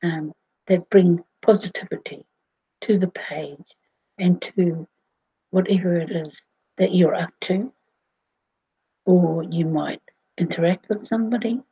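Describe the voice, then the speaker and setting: A woman, talking slowly to her viewers in a rambling way, with many fillers and restarts. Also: on the low side, dark tone, lo-fi sound. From New Zealand. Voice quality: husky. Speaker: vlogger. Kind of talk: casual monologue to camera.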